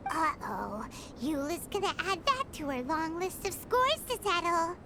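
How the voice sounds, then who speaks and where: A woman's voice: extremely high pitch, very animated, unhurried, background noise, heavily acted. A woman voicing a small, chatty female fairy companion who talks about herself in the third person. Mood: teasing.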